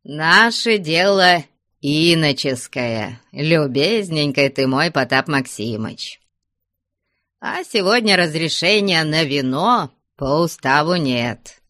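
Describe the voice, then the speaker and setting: A woman's voice: low-pitched, animated, slow pace, fairly bright tone, no echo, clean studio sound, heavily acted. A woman reading aloud and voicing a jovial old male abbot who fusses over his guests in a sing-song, doting manner. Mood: gentle.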